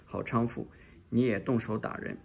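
A man's voice: mid-range voice, steady tone, normal speed, vocal fry, a little hiss or hum, lightly acted. A man reading aloud the lines of a tipsy, resentful, hot-tempered young nobleman from a classic novel, in a grumbling, blustering manner. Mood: raging.

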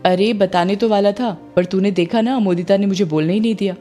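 A woman's voice: mid-range voice, brisk, mellow, soft background music, lightly acted. A woman doing an earnest, protective young man. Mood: casual.

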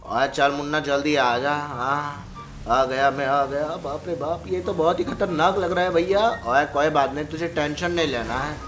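A man doing excited gameplay commentary, switching between playful cartoon character voices. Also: fairly high pitch, moderate pace, faint music behind. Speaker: gaming YouTuber.

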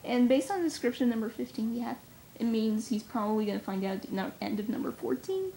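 A woman's voice: a little high, animated, fast, dark tone, a little hiss or hum. A young woman co-hosting a casual fan chat, rambling and giggly as she speculates. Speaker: comic fan co-host.

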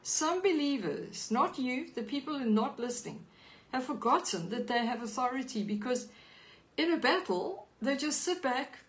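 A woman's voice: high-pitched, animated, normal speed, rough recording. A woman with a South African accent giving an earnest livestreamed teaching sermon, reading scripture aloud. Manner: earnest, reads scripture aloud, greets viewers by name. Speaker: preacher on a live stream.

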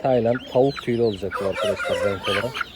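A man's voice: on the low side, rapid-fire. Man chatting outdoors among clucking hens. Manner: asks many questions, addresses viewers directly. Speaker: channel host interviewing a poultry keeper. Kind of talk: casual outdoor chat with viewers. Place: outdoor garden with poultry. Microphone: handheld phone camera. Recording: clear outdoor noise with chickens.

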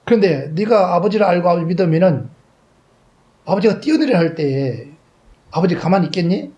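Male pastor, sermon storyteller, acts out dialogue, wide loud-to-soft swings. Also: high-pitched, animated, fairly quick, highs cut off. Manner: swings between loud exclaims and soft trailing asides.

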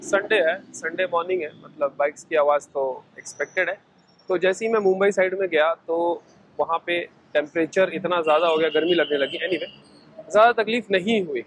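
A man with a notably high voice talks fast and excitedly in a casual vlog. He films himself on an action camera held at arm's length outdoors, with faint noise behind him. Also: rough recording. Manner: chatty, excitable cricket talk. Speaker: vlogger. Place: outdoors in a stadium stand and a street.

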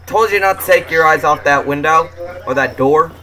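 A man's voice: fairly high pitch, moderate pace, pushed and bright. A man in casual gaming chat over a headset mic, giving bossy callouts and teasing his teammate. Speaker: gamer.

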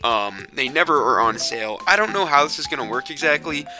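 A man's voice: mid-range voice, expressive, fairly quick. A man who is a little sick, rambling casually and swearing often as he hosts a let's play from his home gaming setup. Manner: rambling, profane, self-deprecating. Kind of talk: casual gameplay commentary. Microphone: mic hooked into a capture card. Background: video game music.

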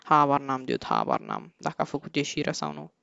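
A young Romanian man giving excitable, slangy commentary while playing Minecraft, panicking and repeating no over and over. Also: medium pitch, vocal fry, no room sound. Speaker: Minecraft gaming YouTuber. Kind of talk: casual gameplay commentary. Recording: dull lo-fi home mic.

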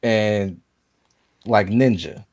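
Man, podcast guest, fairly low voice, laid-back, chatty, lots of ums. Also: extremely slow. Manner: relaxed, conversational, frequent ums. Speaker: podcast guest, video game streamer. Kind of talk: casual podcast chat.

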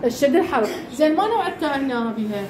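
An Iraqi woman teaches a class, firing brisk questions and calling on pupils by name. Her voice sits high and moves lively up and down. The classroom rings with echo, and steady background noise runs underneath. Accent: Iraqi Arabic. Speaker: primary school teacher. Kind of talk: classroom lesson, quizzing pupils.

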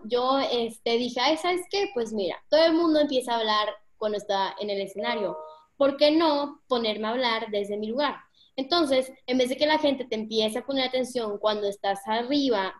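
A young woman with a Mexican accent giving a casual online talk on public speaking, slangy and speaking straight to her audience. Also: a little high. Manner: chatty, slangy, addresses the audience directly.

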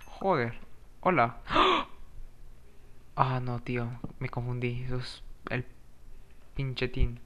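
A man's voice: mid-range voice, monotone, slow pace. A young man giving casual gameplay commentary, swearing often and breaking into jumpy outbursts while he chats to the monsters. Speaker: gamer.

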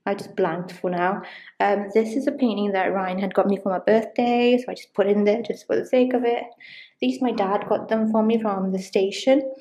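A woman's voice: medium pitch, fairly even intonation, normal speed, warm tone. A woman, chatting casually in a rambling way with lots of ums while she shows a room in her home for a vlog. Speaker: vlogger. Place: small room in a home, indoors. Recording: echoey small room.

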